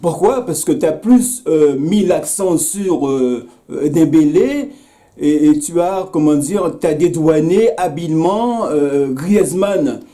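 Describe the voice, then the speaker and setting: A man's voice: fairly high pitch, animated, takes it slowly, dark tone. A man speaking straight to camera in a video commentary, earnest and repetitive, with many hesitations, calling out another creator by name. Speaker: YouTube commentator. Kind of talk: direct-address video commentary.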